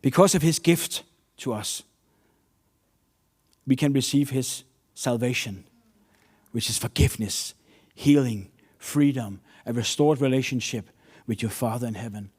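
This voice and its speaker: A man's voice: medium pitch, unhurried, a little mellow, husky. Earnest man preaching a sermon. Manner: earnest, storytelling with non-native English phrasing.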